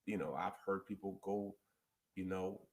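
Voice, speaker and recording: A man hosting a relationship advice chat, emphatic and preachy, quoting scripture and repeating key points slowly. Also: deep voice, fairly even intonation, darkish tone.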